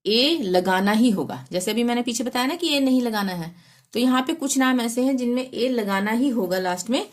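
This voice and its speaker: Woman teacher, slow and patient, spells out letters one by one. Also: on the high side. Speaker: Hindi teacher. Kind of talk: spelling lesson on a whiteboard.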